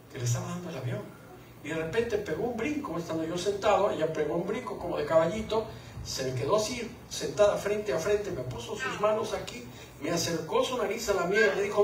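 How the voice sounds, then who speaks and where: Playful high-voiced man in a roomy hall. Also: recorded from a distance, a little hiss or hum. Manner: playful, joking, acts out scenes. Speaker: conference speaker on marriage. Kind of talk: live talk to couples.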